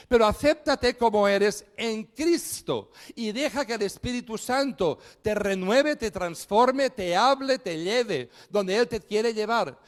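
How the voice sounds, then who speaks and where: A man preaching a sermon, building emphatic repeated phrases and slowing to stress key words. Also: high-pitched, in a large hall.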